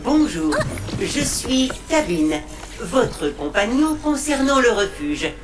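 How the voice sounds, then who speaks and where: A woman's voice: on the high side, sing-song, slow. A woman voicing a cheerful, servile robot concierge in a video game, courteous and theatrical like an announcer selling services. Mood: polite, helpful. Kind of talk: scripted game character dialogue. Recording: game music behind, some long reverb.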